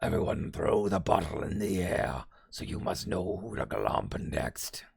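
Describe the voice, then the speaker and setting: A man doing a gravelly, raspy demonic voice for a streamed reaction, playing a mocking, theatrical male demon. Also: rumbling low, sing-song, measured pace, voice pushed down, exaggerated voice. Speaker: streamer co-host. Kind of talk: reading a show synopsis in a put-on voice.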